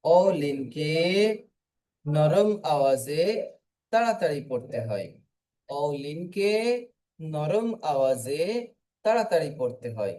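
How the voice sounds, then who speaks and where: A male teacher leading an online reading class, spelling out letters slowly and patiently. His voice is mellow and unhurried, and he asks the students to repeat after him. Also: on the high side, low-quality recording. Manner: slow, patient, drills letters aloud and has students repeat.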